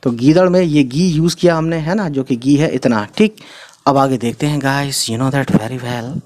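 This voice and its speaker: A man's voice: mid-range voice, measured pace, darkish tone, a little hiss or hum. A man patiently teaching Urdu letters step by step in an explanatory lesson, often checking in with the listener.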